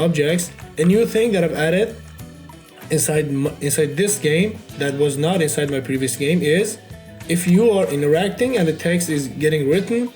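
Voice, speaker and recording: A man with a voice on the high side and a darkish tone walks loosely through his indie game in a casual, unedited devlog. Farsi is his first language, and he keeps filling gaps with "you know".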